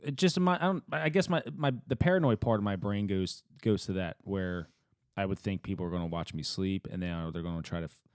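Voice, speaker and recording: A man's voice: low-pitched, a little fast, clean tone, dry recording, clean studio sound. A man co-hosting a casual podcast, swearing freely and laughing easily. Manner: profane, animated, laughs easily. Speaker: podcast co-host. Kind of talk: casual chat.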